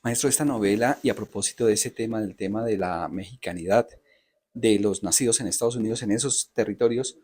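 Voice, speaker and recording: A man's voice: on the low side, brisk, a little mellow, slightly rough. A man from Colombia interviewing a novelist, asking long, polite and carefully elaborated questions.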